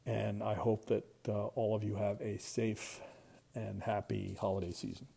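A middle-aged man with an American accent gives opinionated podcast commentary. His voice is low and gravelly, with a husky rasp. He speaks deliberately, halting as he shapes his points. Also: flat delivery, warm tone. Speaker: podcast host, market strategist. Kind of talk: spoken commentary, semi-scripted.

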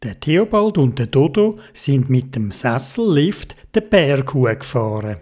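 A children's storyteller with a Swiss German accent narrates in an animated, sing-song manner. The delivery is slow and unhurried, with a lively, swinging pitch. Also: soft background music.

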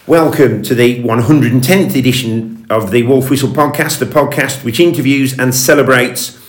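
Male interviewer, mid-pitched, conversational podcast hosting, recorded with noticeable room echo. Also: moderate pace. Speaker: podcast host. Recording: roomy, echoey sound.

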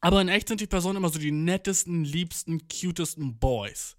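A man's voice: a little high, a little fast, no echo, clean studio sound. A young man telling a rambling comic story in a slangy, swearing manner, dropping English phrases and acting out quotes. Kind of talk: rambling comedic monologue.

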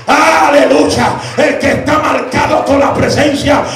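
Male pastor, high-pitched, fervent testimony sermon, hushed to shouting, echoing church with soft music behind. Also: steady tone, measured pace. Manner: swings from hushed storytelling to shouted exhortation. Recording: echoey church hall with music underneath.

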